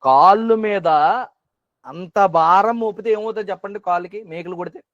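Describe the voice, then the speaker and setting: A man's voice: sits high, normal speed, fairly bright tone, no room sound, highs cut off. A man preaching a sermon at an online prayer meeting who keeps asking questions and repeating phrases for emphasis. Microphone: video call.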